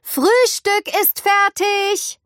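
A worried mother fusses in a raised, anxious voice, as a woman reading a storybook puts her on. Her pitch climbs and dips with every worry. The sound is dry and close. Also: expressive, a little slow, no echo. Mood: cheerful. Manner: high, fussing, anxious. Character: fussing, worried mother, middle-aged.

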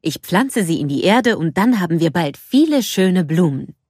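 A woman's voice: fairly low pitch, sing-song, normal speed, a little mellow, husky, no echo, clean studio sound. A woman reading a storybook, voicing a good-humoured male gardener who explains with amusement.

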